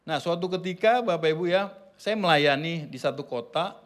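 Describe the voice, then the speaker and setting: A man preaches at a church service, his voice sitting notably high for a man. He works through his sermon with humorous, storytelling delivery and keeps speaking directly to the congregation. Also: moderate pace, fairly bright tone. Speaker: pastor.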